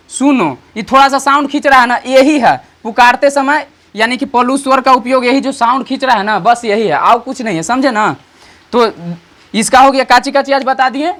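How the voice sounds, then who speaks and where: An online teacher, explaining grammar slowly and repeatedly checking understanding with rhetorical questions. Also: mid-range voice, a bit bright. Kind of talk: grammar lesson.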